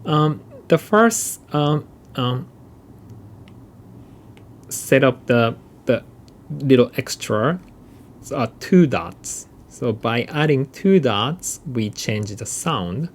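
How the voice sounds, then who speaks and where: Male language teacher, unhurried delivery, gravelly edge, patient repeated examples. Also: mid-range voice, expressive. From Japan. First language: Japanese. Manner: explains patiently, repeating and drawing out example sounds. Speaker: Japanese language instructor. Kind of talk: recorded mini-lecture.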